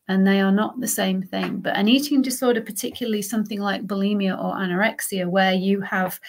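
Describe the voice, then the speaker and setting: A woman, a lifestyle coach hosting a solo podcast and explaining things in a conversational, emphatic way. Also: mid-range voice. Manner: conversational, emphatic, checks in with "okay" and "right".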